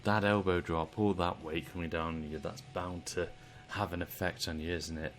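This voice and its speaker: Low-voiced British man commentating. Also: normal speed, soft background music. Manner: chatty, relaxed, asks the audience. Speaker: host and commentator of a video game wrestling stream. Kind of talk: casual play-by-play commentary.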